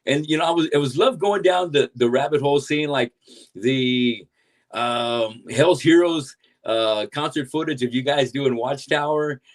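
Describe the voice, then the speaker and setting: Man, podcast host, enthusiastic, effusive praise, casual swearing, mid pitch. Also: measured pace. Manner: effusive, hyped, swears for emphasis. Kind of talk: enthusiastic interview hosting.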